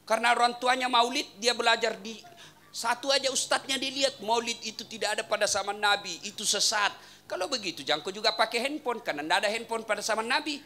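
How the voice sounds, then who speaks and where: A man's voice: extremely high pitch, quick pace, bright, forceful tone. A man preaching a humorous sermon at a religious gathering in a home, teasing the crowd and firing questions at them. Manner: teasing, quizzes the audience.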